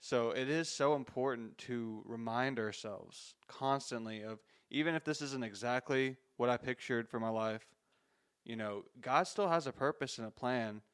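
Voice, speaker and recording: A man's voice: mid-range voice, moderate pace, smooth. A man in his thirties hosting a faith-based interview, reflective and encouraging, with frequent restarts. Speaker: podcast host.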